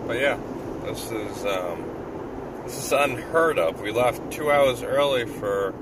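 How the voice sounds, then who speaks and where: A middle-aged man with a fairly low voice and lively intonation talks slowly while filming a casual vlog on a handheld camera. The truck driver and vlogger chats cheerfully to his audience as he goes, though the recording is noisy.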